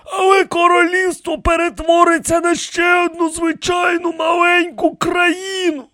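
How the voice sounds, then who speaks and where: This is an ancient, frail high priest from an audiobook. He wails in a shrill, quavering voice pushed far above a man's range. He drags his words out slowly and half-shouts them, close and dry. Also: flat delivery, no room sound, full character voice. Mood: urgent. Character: ancient frail male high priest, seven thousand years old. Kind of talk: audiobook character voice.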